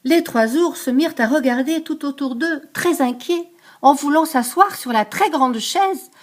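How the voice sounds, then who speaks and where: An older woman reading a picture book aloud to a grandchild, lively, stopping to explain hard words. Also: high voice, a little slow.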